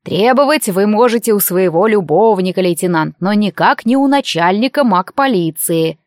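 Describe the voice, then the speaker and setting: A woman voicing a stern male chief of the magic police who speaks in a measured, cold, clipped way. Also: mid-range voice, lively intonation, dry recording, clean studio sound, natural voice.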